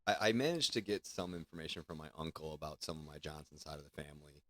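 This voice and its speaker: A man's voice: a bass voice, fast talker, bright, forceful tone. A man hosting a podcast, chatting casually in an easygoing, rambling way. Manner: rambling, easygoing, lots of fillers. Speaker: podcast host.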